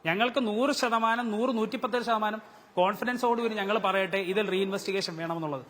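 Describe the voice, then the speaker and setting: A man's voice: high-pitched, fairly quick, fairly bright tone, long reverb tail. A man with a Malayali accent, a defence lawyer arguing hard in a TV debate, pressing his point with repeated rhetorical questions. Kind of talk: heated TV debate argument.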